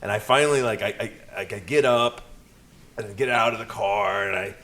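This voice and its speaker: A man's voice: lowish voice, moderate pace. Teasing, crude male podcast co-host. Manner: crude, teasing, animated storyteller. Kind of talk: candid casual podcast chat.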